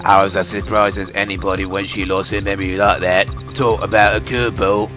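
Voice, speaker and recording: In a fan voice-over of a game, a man plays a smug, taunting phone caller whose voice runs through a voice changer on the line. His low, pushed-down voice is flat and fairly quick, with music underneath.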